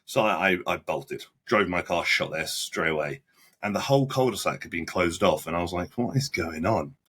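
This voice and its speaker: A young man in his twenties, a podcast guest recounting events in casual interview talk, halting and blunt, often restarting his sentences. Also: low-pitched, a bit bright. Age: 20s. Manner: halting, frequent restarts and repeated words; blunt, plain-spoken with British slang.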